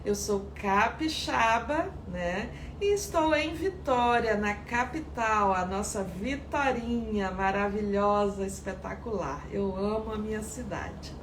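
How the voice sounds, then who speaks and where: A woman from Espírito Santo, Brazil, teaches sourdough on a live stream, chatting and greeting viewers by name. Her mid-range voice moves slowly with few pauses. The room is echoey, with faint background noise.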